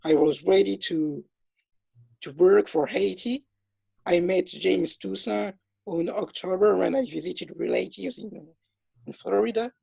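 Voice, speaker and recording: Man, twenties, from France, hesitant speech, fillers, husky, lo-fi dull audio. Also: sits high, measured pace, dark tone, no echo. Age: 20s. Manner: hesitant, many fillers and restarts. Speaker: interview guest. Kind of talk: self-introduction in an interview. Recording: dull, lo-fi dry sound.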